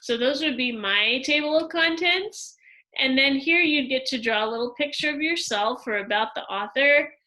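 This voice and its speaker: A woman teacher walking second graders through a worksheet in a slow, patient lesson, explaining each step aloud. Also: sits high, bright, forceful tone, low-quality recording. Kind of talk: instructional screen-recorded lesson.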